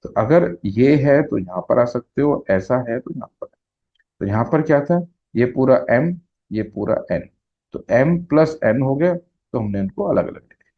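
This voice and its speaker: A male math teacher explaining slowly, step by step, who asks questions and answers them himself, mixing Hindi with English math terms. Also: medium pitch, lively intonation, vocal fry, lo-fi sound. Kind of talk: classroom lecture at a whiteboard.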